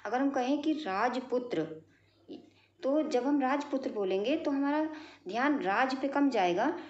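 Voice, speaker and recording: High-voiced woman teaching a lesson. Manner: explains slowly with repetition and questions to pupils. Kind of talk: classroom grammar lesson. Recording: echoey room, dull lo-fi sound.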